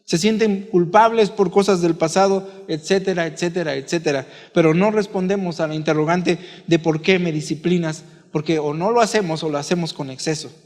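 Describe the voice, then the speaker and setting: Pastor, fairly high voice, chatty sermon w stories, long church echo. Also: male voice, fairly quick, hardly any pauses, a little mellow. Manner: conversational preaching with anecdotes and asides.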